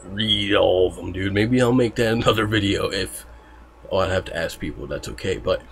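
A man's voice: fairly low pitch, a little hiss or hum. A man talking casually to his viewers, loose and profane, with lots of fillers. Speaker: YouTuber warning about online scams. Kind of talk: casual talk to camera.

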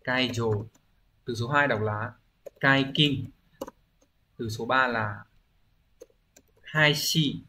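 A man's voice: medium pitch, drawn-out words, long pauses, pushed and bright, a little hiss or hum. A man teaching a recorded language exam-review lesson, explaining patiently and often asking rhetorical check-in questions, with frequent hesitation fillers as he thinks aloud.

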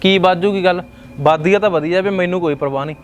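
A man's voice: sits high, slight background noise, close to an everyday voice. A man playing an angry young husband who argues hotly with his mother. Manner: heated, rapid, indignant. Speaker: son arguing with his mother. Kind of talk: web series drama acting.

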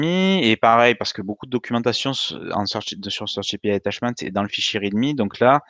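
Man, thirties, low voice, meetup presenter, many fillers and restarts, webcam mic. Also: a bit bright, dry recording. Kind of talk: conference talk over slides. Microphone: webcam on a video call.

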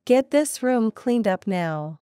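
A woman reading short English practice sentences aloud in a plain, deliberate way. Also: on the high side, expressive, warm tone, clear, resonant tone, dry recording, clean studio sound.

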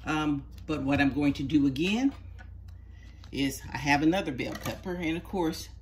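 This woman speaks at normal speed in a low, darkish voice, with slight background noise, as she walks through starting seeds at home. Chatty and patient, she narrates the gardening how-to from her sunroom while working with her hands.

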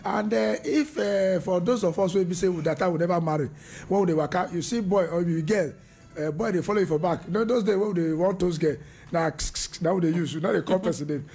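A man's voice: high-pitched, quick pace, darkish tone, husky, faint music behind. A man, a radio panelist chatting about relationships in Pidgin, laughing often and restarting his sentences. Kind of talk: casual radio discussion in Pidgin.

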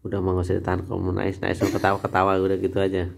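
A man's voice: low-pitched, completely flat delivery, rapid-fire, creaky, a little hiss or hum. Teasing father with a lilt. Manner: teasing, chuckling, playfully coaxing. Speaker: father filming his family. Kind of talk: casual home video chat.

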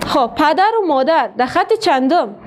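High-voiced Afghan Dari teacher. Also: female voice, animated, crowd noise. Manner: slow syllable-by-syllable sounding out, frequent praise. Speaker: literacy teacher. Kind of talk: classroom reading lesson. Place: classroom.

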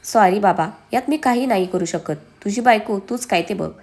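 A woman voicing a calm, gently teasing middle-aged mother-in-law in a storybook. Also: medium pitch, normal speed, close to an everyday voice.

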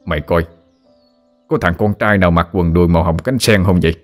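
A man's voice: sits low, brisk, soft background music, natural voice. A man voicing a teasing, grumbling father near sixty.

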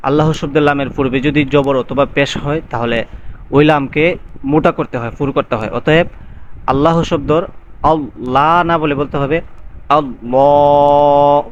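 A man teaching the call to prayer, explaining pronunciation rules and chanting the words slowly and drawn out. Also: fairly high pitch, steady tone. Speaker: azan teacher. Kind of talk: recitation lesson. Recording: dull lo-fi sound, faint background noise.

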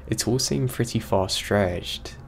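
Feeling unwell, a man narrates a first-person horror story slowly and steadily, his low voice a little off and edged with vocal fry. A faint hiss or hum sits under the recording.

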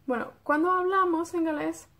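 A woman's voice: very high voice, fairly even intonation, moderate pace, fairly bright tone. A woman from Wales with a North Welsh accent, teaching a beginner Welsh lesson in Spanish, patiently checking in with her students and drilling words.

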